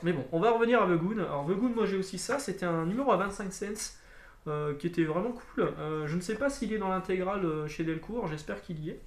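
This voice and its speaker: A man's voice: on the high side, roomy sound. A man casually reviewing comic books, rambling and full of fillers. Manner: chatty, rambling, many fillers and restarts.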